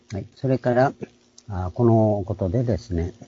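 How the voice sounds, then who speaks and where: Husky, very dark-voiced man teaching Bible lessons. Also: on the low side, muffled recording. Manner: unhurried explaining, frequent throat clearing. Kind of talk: online Bible lecture.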